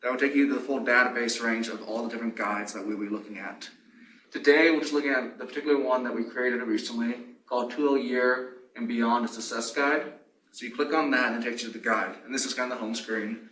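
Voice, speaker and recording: Speaking quickly in a mid-range, fairly bright voice with fairly even intonation, a young library fellow delivers a casual instructional talk. His face mask muffles the sound, and the distant mic picks up a roomy space with faint noise.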